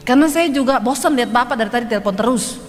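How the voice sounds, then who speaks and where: A woman's voice: on the high side, very fast. A woman pastor preaching a sermon, telling stories with energy and acting out the lines of the people in them. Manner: lively storytelling, acting out other people's lines. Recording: long reverb, faint background noise.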